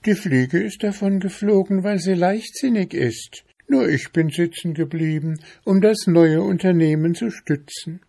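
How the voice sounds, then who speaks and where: A man voicing a tiny, calm male chanterelle mushroom in a storybook reading, with a squeaky little voice and a friendly, unbothered manner. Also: a little slow, creaky, few pauses, heavily acted.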